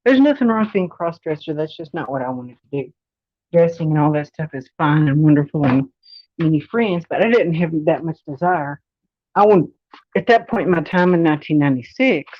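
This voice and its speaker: Speaking in a deep voice, a woman in her forties rambles casually through a personal vlog about her own experience, returning again and again to points she's already made. The recording is dry and dull.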